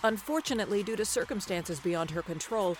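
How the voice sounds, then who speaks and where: A corporate spokeswoman, voiced by an actor, spins bad news in a calm, evasive way, over a faint background hiss. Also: mid-range voice, a little fast, natural voice.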